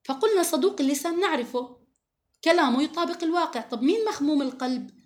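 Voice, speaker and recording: A woman teaches a religious lesson to a group of women. Her high voice moves along quickly, and she speaks with earnest emphasis, often quoting scripture. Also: lively intonation.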